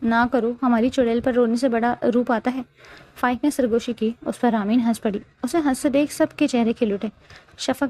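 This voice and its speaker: A woman reading a romance novel aloud in steady, even scripted narration. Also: on the high side. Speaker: audiobook narrator.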